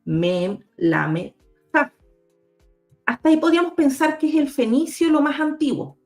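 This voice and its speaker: A woman with a fairly high voice explains things step by step in a patient, teacherly way, spelling out letters one at a time. She speaks over a video call, with faint music underneath. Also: very animated, measured pace, a little mellow. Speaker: guest researcher. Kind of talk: explanatory talk with slides.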